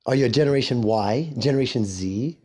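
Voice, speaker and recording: A man in his forties from Hawaii hosting a casual solo podcast. He sounds hoarse and talks in a rambling, chatty, self-mocking way. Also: medium pitch, a little fast, a little mellow. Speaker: podcast host.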